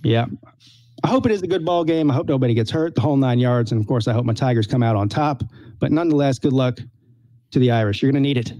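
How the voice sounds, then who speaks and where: A man's voice: mid-range voice, quick pace, dark tone, no echo. A man co-hosting a casual sports podcast, easygoing and upbeat as he talks about an upcoming game. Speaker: podcast co-host.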